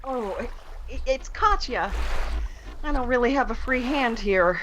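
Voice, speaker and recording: A woman's voice: a little high, animated, a little slow, background noise. A woman playing a hapless, defensive adventurer with a dry sarcastic streak in an audio drama. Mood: flustered.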